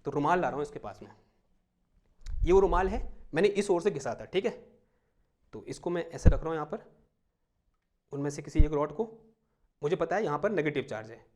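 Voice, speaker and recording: A young male physics teacher with a voice sitting a little high for a man. He walks students through a hands-on demonstration, firing questions at them and answering his own. When giving notes he slows right down, mixing English terms into his explanation. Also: lively intonation, a little mellow. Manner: asks the class questions and answers them himself; dictates headings slowly, mixing in English terms. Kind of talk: classroom lecture with live demonstration.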